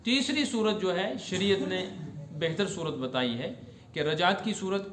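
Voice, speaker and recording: A man's voice: high voice, lively intonation, roomy sound, crowd noise. A man giving a religious lesson, explaining rulings step by step and asking his students whether they have understood. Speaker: religious teacher.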